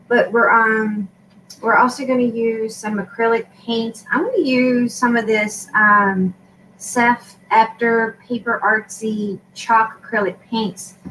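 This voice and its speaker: A woman's voice: fairly high pitch, fairly bright tone, distant mic, a little hiss or hum, low-quality recording. A woman vlogger chatting casually as she shows craft supplies in a tutorial for her shop, rambling with lots of fillers.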